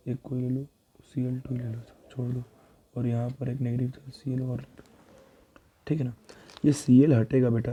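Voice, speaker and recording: Flat-voiced man teaching chemistry. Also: mid-range voice, slightly rough, dull audio. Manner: talks students through worked examples, calls them beta; thinks aloud and corrects himself. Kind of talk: exam revision lesson.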